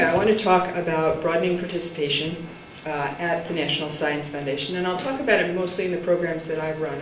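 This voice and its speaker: A woman with a bad cough, talking with a cough drop in her mouth as a conference panel speaker, chatty with self-deprecating asides. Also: low voice. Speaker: panel speaker, funding program director. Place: conference room. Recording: echoey hall, distant mic, noisy.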